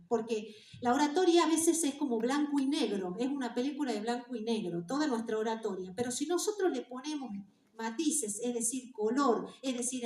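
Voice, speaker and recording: Argentine woman teaching speech to a crowd, high-pitched and animated, booming hall sound from off-mic. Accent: Argentine Spanish. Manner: lively, demonstrative, addresses audience directly. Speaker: theatre director and speaking teacher. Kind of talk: live public speaking workshop. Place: hall with an audience. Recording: echoey hall, mic at a distance.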